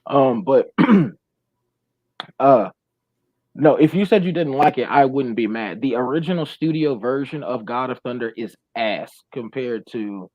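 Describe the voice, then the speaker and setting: A man co-hosting a casual podcast, talking loosely and profanely with animated storytelling. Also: medium pitch, a little slow, no echo. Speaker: podcast co-host. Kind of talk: casual chat. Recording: dull lo-fi sound.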